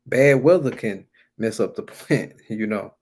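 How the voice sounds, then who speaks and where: With lively intonation and a measured pace, an American man whose voice sits on the low side, darkish with a breathy edge, delivers an informal sermon. He exhorts his listeners in everyday language, driving key phrases home through repetition and stress.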